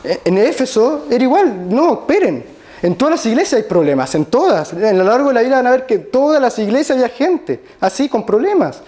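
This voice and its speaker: A man's voice: extremely high pitch, big pitch swings, a little fast, darkish tone. A man preaching a sermon, speaking straight to the congregation and hammering his points home by repeating them. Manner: emphatic, repeats key phrases; addresses the congregation directly.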